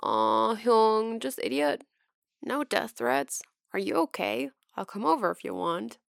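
A woman voicing a patient young male friend who teases gently and hums, in a storybook reading. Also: medium pitch, very animated, a little slow, vocal fry, dry recording, clean studio sound, full character voice. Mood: teasing. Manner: gentle, teasing, humming.

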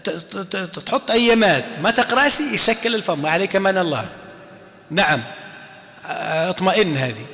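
A man giving an informal recitation lesson, chanting quoted readings slowly and answering students. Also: high voice, animated, pushed and bright. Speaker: teacher of Quran recitation. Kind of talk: classroom lesson explaining recitation. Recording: long hall reverb.

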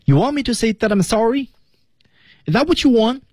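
A man voicing an agitated, exasperated cartoon character in a shrill, indignant tone. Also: animated, fairly quick, a little mellow, slightly rough, no room sound, clean studio sound, heavily acted.

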